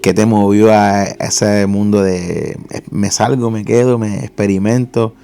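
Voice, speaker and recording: Gravelly, low-voiced man hosting a faith show. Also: little pitch movement, warm tone, a little hiss or hum. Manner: fervent religious greetings, measured questions. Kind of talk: faith interview.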